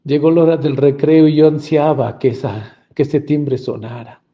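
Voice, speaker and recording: A man's voice: a little high, fairly even intonation, normal speed, warm tone. A man giving a personal testimony about his childhood and often acting out the dialogue. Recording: dull lo-fi recording.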